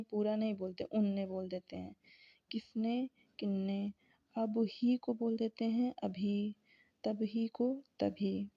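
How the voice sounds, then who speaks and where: A woman teacher giving an exam revision lecture, reading out terms and examples one by one. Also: medium pitch. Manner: slow, deliberate, reading out lists of examples. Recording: dull lo-fi recording.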